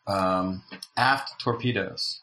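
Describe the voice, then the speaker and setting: A man's voice: deep voice, takes it slowly, pushed and bright. A man playing a tabletop game, speaking in casual, joking interjections. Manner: jokey interjections.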